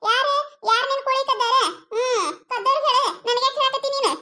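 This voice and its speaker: A woman's voice: extremely high pitch, steady tone, fast talker, pushed and bright. A woman doing a sly, teasing village neighbour denying theft. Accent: North Karnataka Kannada. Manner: teasing, feigning innocence, protesting. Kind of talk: cartoon comedy voice acting.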